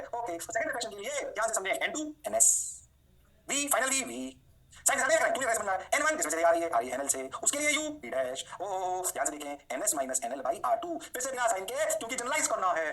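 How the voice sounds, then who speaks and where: A middle-aged man teaching physics in an animated lecture, answering himself in his students' voice and dropping into sudden whispers. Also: high-pitched. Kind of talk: lively classroom lecture.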